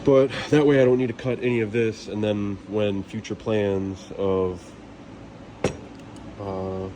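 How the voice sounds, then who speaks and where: A DIY mechanic vlogger with a very low voice narrates his own hands-on repair loosely and informally, thinking aloud as he tinkers like a home mechanic. His tone is steady and warm, his pace unhurried, and clear background noise runs beneath his words.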